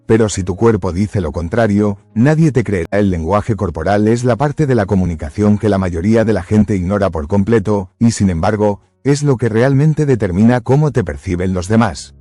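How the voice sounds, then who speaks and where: Tipo narrando motivación, voz grave y cálida, seco y pegado al micro. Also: male voice, on the low side, warm tone, no room sound.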